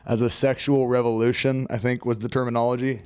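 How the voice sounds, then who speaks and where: A man's voice: mid-range voice, level tone, moderate pace, a little mellow, clean tone, no room sound. A young man hosting a casual sports podcast, rambling through stories, swearing casually and laughing mid-sentence. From USA. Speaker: podcast host.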